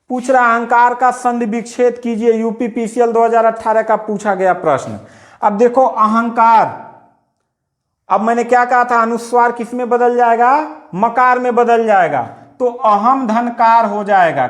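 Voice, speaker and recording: A male teacher giving an exam-prep grammar lesson, explaining step by step and repeating his own questions back to the listener. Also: extremely high pitch.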